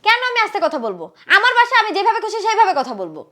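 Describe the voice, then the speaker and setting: A woman playing a shrill, spiteful young wife. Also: huge pitch swings, very fast, full character voice. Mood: scornful. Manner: scolding, loud and contemptuous. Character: spiteful young wife who resents her sister-in-law. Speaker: sharp-tongued wife. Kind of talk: short film acting.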